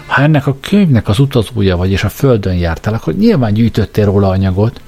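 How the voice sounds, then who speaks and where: A man's voice: lowish voice, sing-song, mellow, faint music behind. A man voicing a bewildered, panicky adult Englishman who exclaims in disbelief. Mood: agitated.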